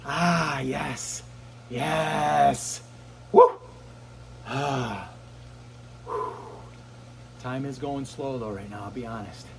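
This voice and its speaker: A man's voice: medium pitch, fairly even intonation, very slow, vocal fry, long pauses, a little hiss or hum. A middle-aged man sitting in ice cold water, short of breath, talking casually to camera in short phrases with puffs and exclamations. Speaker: vlogger. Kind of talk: casual self-talk to camera. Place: outdoors in a cold plunge barrel.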